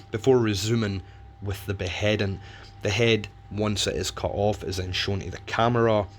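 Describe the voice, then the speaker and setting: A man's voice: lowish voice, fairly bright tone, a little hiss or hum. A man giving casual, unscripted commentary in a blunt, rambling, sweary way. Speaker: narrator explaining a violent video.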